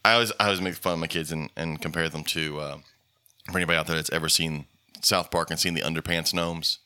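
A man's voice: very deep voice, fairly even intonation, quick pace, bright, forceful tone, clean tone. A man who teaches, hosting a casual podcast chat with an opinionated, exasperated manner.

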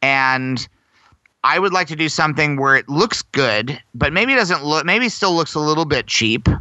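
A man's voice: fairly high pitch, lively intonation, normal speed, bright, forceful tone, no room sound, poor audio. An American man telling self-deprecating stories in a casual interview, laughing often. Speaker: guest performer.

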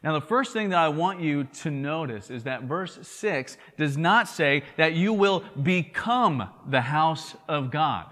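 A man's voice: fairly high pitch, lively intonation, a little slow, few pauses, a bit bright, long reverb tail. A man from Tennessee with a Southern accent, preaching a sermon in an earnest way, often repeating words and asking "right?". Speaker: pastor.

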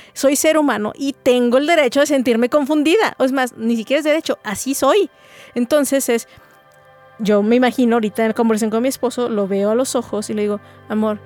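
A woman's voice: sits high, darkish tone. A woman gives an earnest, explanatory faith-based teaching talk to her listeners, acting out short example phrases.

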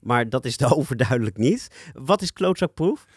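A man's voice: mid-range voice, sing-song, normal speed, breathy edge, no echo, clean studio sound. A man hosting a conversational interview in a wry, articulate, teasing way. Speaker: interviewer, show host.

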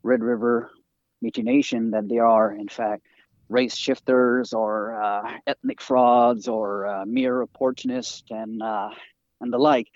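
Halting French-accented man, dull lo-fi audio. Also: mid-range voice, steady tone, a little mellow, dry recording. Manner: halting, many fillers and restarts. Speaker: guest researcher and author. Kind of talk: interview talk over a call.

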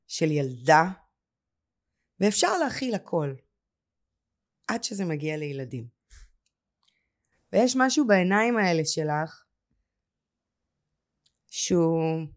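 A woman who coaches personal storytelling, talking as a podcast guest in an intense, heartfelt way and slowing down to stress her points. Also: lowish voice. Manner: emphatic, slows down to stress words. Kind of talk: emotional podcast conversation.

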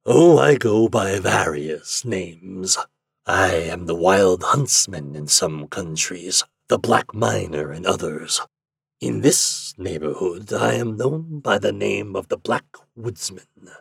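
A man voicing a sooty, menacing male forest devil in a hoarse, growling voice that speaks slowly and deliberately. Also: low-pitched, expressive, no room sound, exaggerated voice. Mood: gruff menace. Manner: slow, deliberate, brooding.

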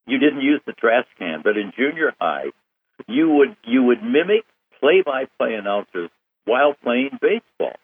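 A man's voice: mid-range voice, sing-song, normal speed, husky, no room sound. A male host running a phone interview, effusive in his praise for his guest. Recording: tinny phone line.

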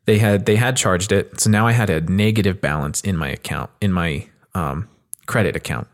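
Male podcast host, low register, informal conversational storyteller who swears freely. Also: normal speed.

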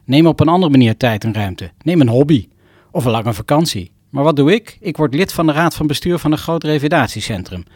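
A man's voice: on the high side, expressive, brisk, a little mellow, no room sound. Wry middle-aged man narrating, dry close sound. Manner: wry, self-mocking, terse phrasing. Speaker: rehabilitation doctor narrating his own story. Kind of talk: scripted personal narration.

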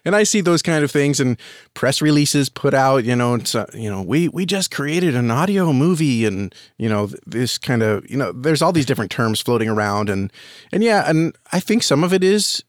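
His medium-pitched voice swings widely in pitch, and he keeps a moderate pace on a dry, clean studio recording. The man is being interviewed on a podcast as an audio drama producer and reviewer, explaining at length in a conversational style and often repeating words while he gathers his thoughts.

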